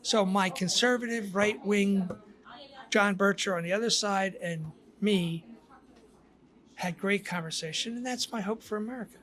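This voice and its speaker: An older man with a notably high voice tells stories in a relaxed, reflective way. He talks like a guest on a casual podcast and often restarts his sentences as he works his thoughts out. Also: normal speed. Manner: storytelling, reflective, with frequent restarts. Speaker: guest author.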